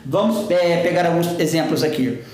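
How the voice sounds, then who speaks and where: Man, Brazilian Portuguese accent, high-pitched, English teacher, repeats words slowly, echoey room. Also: a little mellow. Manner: explains patiently, repeats example words slowly. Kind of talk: video lesson on pronunciation.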